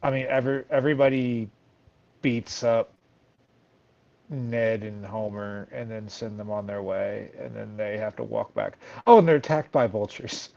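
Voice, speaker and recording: Gravelly man on a dull lo-fi mic. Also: on the low side, steady tone, moderate pace, warm tone, no room sound. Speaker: podcast co-host. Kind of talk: casual chat.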